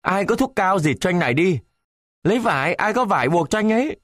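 A man's voice: high-pitched, animated, fairly quick, a bit bright, dry recording, studio quality, pitched above the performer's own voice. A man doing fussing, flustered train passengers. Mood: fretful. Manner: pleading, fussing.

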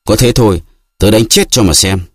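A man voicing a drunken, brutal peasant who shouts and brags loudly, in an audiobook reading. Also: fairly low pitch, moderate pace, dry recording, clean studio sound, voice pushed up, lightly acted. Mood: furious. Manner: shouting, blustering.

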